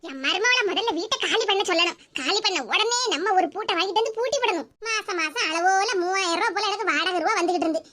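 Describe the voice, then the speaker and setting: A resentful cartoon mother-in-law who mutters endless complaints to herself, speaking, as a woman puts her on. Her voice is pitched very high and sits over a loud hiss. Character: grumbling middle-aged mother-in-law, resentful. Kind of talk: cartoon voice acting.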